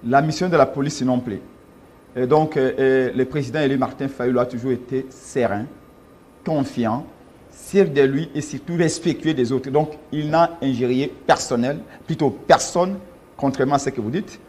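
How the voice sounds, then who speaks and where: A man's voice: mid-range voice, moderate pace, a little mellow, slight background noise. A man from Congo, a political party official, defending his leader with insistent, emphatic argument in a studio interview. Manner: emphatic, argumentative, rising in force when insisting.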